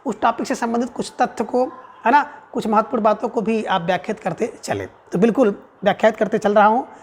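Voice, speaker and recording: A man's voice: high voice, steady tone, breathy edge. Man teaching with constant check-in questions. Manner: checks in with frequent tag questions; reads out each answer option in a measured, drawn-out way. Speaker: Hindi grammar teacher. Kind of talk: exam-prep quiz lesson.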